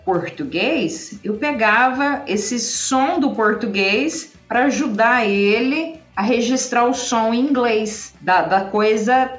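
A woman's voice: on the high side, animated, slow pace, few pauses. Guest teacher, woman from Brazil, explanatory and chatty, roomy dull recording with faint music. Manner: explanatory, frequent tag "né?". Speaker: agro English teacher, guest. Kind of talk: podcast interview explanation.

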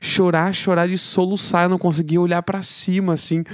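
A man, talking in a relaxed, slangy way in casual chat. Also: high voice, brisk, no echo, studio quality.

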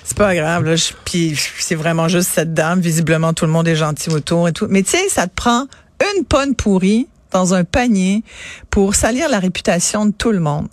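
A woman's voice: lowish voice, normal speed, no echo. Indignant Québécois woman telling a story. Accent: Québécois French. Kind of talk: casual radio chat.

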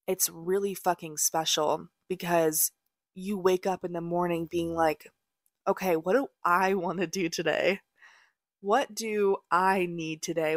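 A young woman hosts a podcast with a lowish voice, talking through spiritual advice in a candid, blunt, swear-laden way. She is recorded close and dry, with no room sound. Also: no room sound. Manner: candid and blunt, swears freely, many fillers. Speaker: podcast host. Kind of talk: casual spiritual advice talk.

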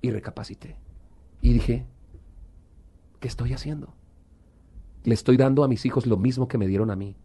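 A man's voice: medium pitch, normal speed, pauses often, warm tone, husky. Middle-aged man telling his testimony. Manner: earnest storytelling, slipping into preaching. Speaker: interview guest. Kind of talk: personal testimony in an interview.

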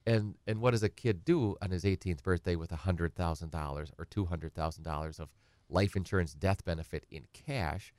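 This is a middle-aged guest attorney whose deep, darkish voice moves at a moderate pace. He explains estate planning conversationally on a talk show, drifting from point to point and acting out what clients ask him. There's no room sound.

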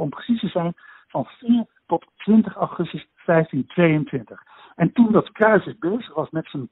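A man on a poor-quality remote connection explains events at length in an interview, halting often with fillers and restarts. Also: breathy edge, dry recording. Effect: low-quality remote connection with poor sound. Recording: tinny, dry phone-like line.

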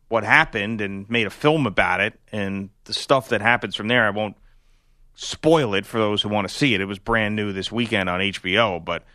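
A man's voice: lowish voice, bright, forceful tone, no echo, studio quality. A man hosting sports talk radio, telling stories in an earnest, chatty way and laughing easily.

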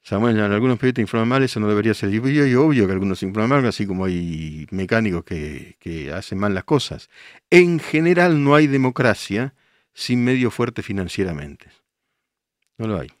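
A man's voice: lowish voice, a little fast, darkish tone, no echo, clean studio sound. An older man with an Argentine accent hosting a radio show, reading listener messages and answering them with emphatic rhetorical questions. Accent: Argentine Spanish. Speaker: radio host.

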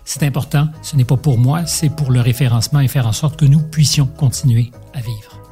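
A man's voice: medium pitch, fairly quick, warm tone, faint music behind. A man hosting an interview, asking formal, carefully phrased questions. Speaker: interviewer, podcast host.

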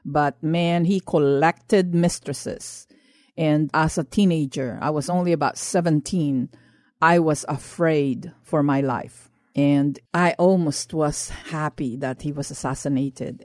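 A woman's voice: deep voice, slow pace, darkish tone, dry recording, studio quality. Earnest Filipino woman giving testimony. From Philippines. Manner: earnest, impassioned. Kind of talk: personal testimony and exhortation.

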